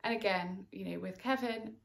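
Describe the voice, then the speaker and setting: A woman in her forties works through a cleaning demonstration in a sunlit garden room at home, keeping up a friendly, filler-laden chat. Her voice is medium in pitch, creaky, and moderately paced. The recording picks up room echo and faint noise.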